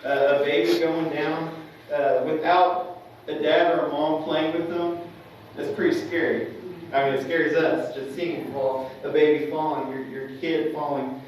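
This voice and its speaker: A man's voice: a little high, little pitch movement, measured pace, a little hiss or hum. A young man teaching a Sunday school class in a conversational way, often checking for agreement from the class. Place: church classroom. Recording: echoey room, mic at a distance.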